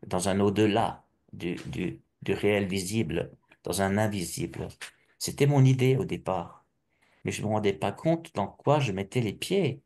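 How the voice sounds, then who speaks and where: A middle-aged man from Alsace giving a personal testimony, halting and restarting often with repeated words. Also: on the low side, creaky, darkish tone. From Alsace, France.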